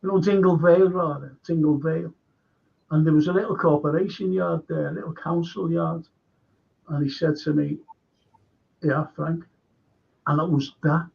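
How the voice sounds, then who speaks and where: He's an older radio host with a Liverpool accent whose fairly high, creaky, darkish voice keeps a fairly even intonation and a moderate pace, broken by long pauses. Reading listener messages in casual chat, he tells rambling local history stories and voices the people he quotes. The sound is dull and lo-fi.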